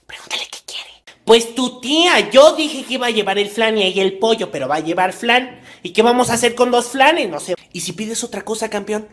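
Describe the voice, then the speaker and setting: A woman's voice: fairly high pitch, lively intonation, brisk. A woman with a Mexican Spanish accent acting out exaggerated comedy sketches, switching between mother and child roles.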